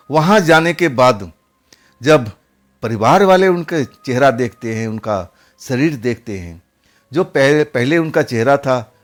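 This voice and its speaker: A man narrating a horror story in a casual, conversational way, often repeating his phrases. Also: mid-range voice.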